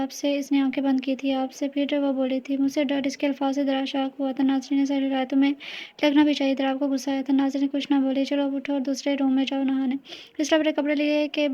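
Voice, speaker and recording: A woman reads a romance novel aloud in a high, mellow voice that barely rises or falls. She keeps a steady pace and stumbles now and then before going on. The recording sounds dull and lo-fi. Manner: steady flat reading with slips and restarts. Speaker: audio novel reader.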